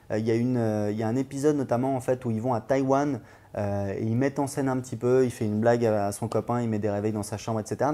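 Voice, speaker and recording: Mellow-voiced man rambling in a vlog. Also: medium pitch. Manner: rambling, full of hesitations and fillers; enthusiastic, recommending. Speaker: language-learning channel host. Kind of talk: casual vlog talk.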